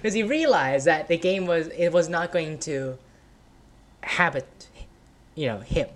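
A man's voice: a little high, expressive, unhurried. A man speaking as a podcast guest in casual conversation, rambling and filling his talk with "right?", "like" and "sort of", often laughing.

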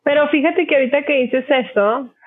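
A woman's voice: high-pitched, a little fast, dry recording. A middle-aged woman psychologist with a Mexican accent, hosting a podcast and talking things through at length. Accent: Mexican Spanish. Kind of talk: casual podcast chat. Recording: dry, phone-like narrow sound.

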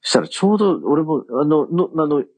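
A man's voice: fairly high pitch, expressive, fairly quick, darkish tone, husky, no echo. A man co-hosting a podcast, telling an anecdote in casual chat, rambling with many fillers and restarts. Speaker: podcast co-host.

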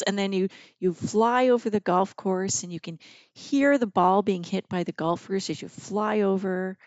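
A woman's voice: medium pitch, dry recording. Profane self-mocking woman storyteller, dry mic. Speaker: podcast host. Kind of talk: casual comedic storytelling.

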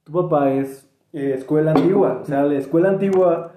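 A man's voice: on the high side, normal speed, echoey room, noisy background. A man with a Mexican accent, musing in a casual podcast chat, hedging with many fillers. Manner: hesitant and reflective, many fillers and restarts. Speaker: podcast co-host.

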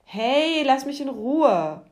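A woman voicing a grumpy, stubborn little male worm in a slowly read storybook. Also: lowish voice, animated. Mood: yelling. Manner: grumbling, then yelling for help. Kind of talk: storybook narration.

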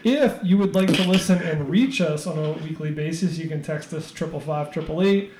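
A man's voice: fairly high pitch, normal speed, a little mellow, roomy sound, slight background noise. A man hosting a podcast in casual chat, teasing and telling stories with energy. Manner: upbeat, teasing, storytelling. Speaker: podcast host.

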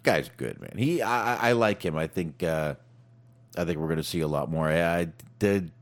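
A man's voice: a bass voice, a little mellow. A man co-hosting a wrestling podcast in casual chat, blunt and profane, rambling with frequent restarts.

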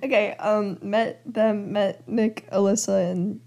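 A woman's voice: mid-range voice, normal speed, darkish tone. A teenage girl co-hosting a casual family podcast from a home studio, chatty and giggly, rambling through recaps. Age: teens. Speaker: podcast co-host, daughter. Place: home room turned audio studio.

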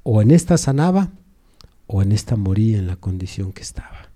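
Mellow-voiced male preacher telling a story. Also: lowish voice, sing-song, brisk. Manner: storytelling, rises to emphatic cries. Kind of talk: sermon retelling a Bible story.

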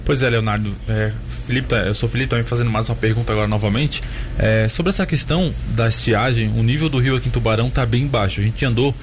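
A man with a Brazilian accent, a reporter whose voice on a remote link keeps breaking up as he asks questions in quick, run-on bursts. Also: medium pitch, a little hiss or hum. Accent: Brazilian Portuguese. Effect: voice on a remote link breaking up and cutting out. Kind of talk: live news interview.

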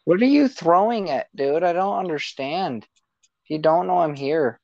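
A man's voice: on the high side, expressive, measured pace, gravelly, dry recording, muffled recording. A man co-hosting a casual gaming podcast, teasing and then saying he is only kidding. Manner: joking, keeps saying he is kidding. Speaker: podcast co-host.

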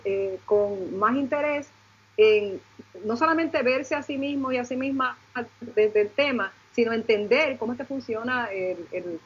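A woman's voice: a little high, slightly rough. Puerto Rican woman explaining, slightly muffled sound. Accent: Puerto Rican Caribbean Spanish. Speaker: law lecturer and panelist. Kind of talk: panel discussion, explanatory.

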